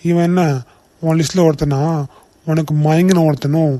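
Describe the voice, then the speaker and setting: A man's voice: a little high, steady tone, moderate pace, warm tone, dry recording, lightly acted. A man voicing a rude, threatening young brother in a cartoon, sneering and insulting. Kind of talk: cartoon voice acting.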